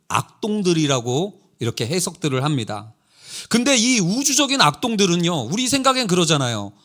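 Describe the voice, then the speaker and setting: Middle-aged male preacher in a church, high and animated, brings anecdotes to life. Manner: animated storytelling with quoted dialogue. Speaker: pastor. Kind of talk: sermon. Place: church sanctuary.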